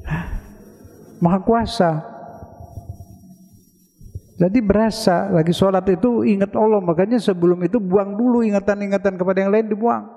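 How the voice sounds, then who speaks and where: High-voiced man preaching in a reverberant mosque. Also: dark tone. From Indonesia. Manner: conversational, asks listeners questions and answers them himself. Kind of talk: sermon. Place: large mosque hall. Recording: dull lo-fi recording with long hall reverb.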